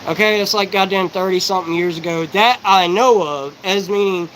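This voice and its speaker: A man in his forties delivers a disjointed live-stream monologue, swearing freely as he jumps from thought to thought. His voice sits high for a man, and he talks in quick, tumbling bursts. A faint hiss of noise runs underneath. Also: a bit bright, rough recording. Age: 40s. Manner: rapid, profane, rambling and disjointed. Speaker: livestreamer.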